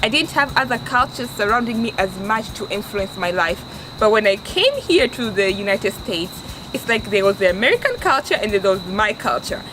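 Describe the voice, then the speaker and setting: Steady background noise runs under this casual vlog, where a vlogger in her twenties from Tanzania offers sincere life advice in a Tanzanian accent. Her voice is mid-range and her pace moderate; she frequently starts sentences over and leans on certain words for emphasis.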